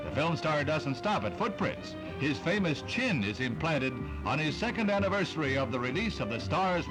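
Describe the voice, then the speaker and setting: A man's voice: a little high, rough recording. A man reading scripted old newsreel narration in a showy, declamatory announcer manner over music. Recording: vintage newsreel soundtrack under loud music.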